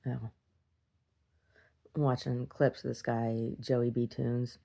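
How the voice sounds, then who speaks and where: A woman's voice: rumbling low, flat delivery, takes it slowly, creaky, warm tone. A woman talking casually to herself in a rambling video diary, blunt, irreverent and sardonic. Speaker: video diarist.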